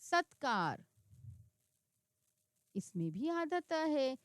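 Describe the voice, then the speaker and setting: A woman teaches young children to read, saying each word slowly and distinctly. Her voice sits high and moves a lot in pitch. The recording is dry and close. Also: very animated, dry recording. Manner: slow and clear, sounding out words one by one. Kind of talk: reading lesson for children.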